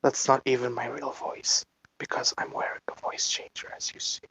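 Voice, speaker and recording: A man's voice: mid-range voice, flat delivery, normal speed, creaky, fairly bright tone, breathy edge, in a whisper. A man talking through a voice changer, giving curt, unbothered answers as the interviewee. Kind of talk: casual online interview.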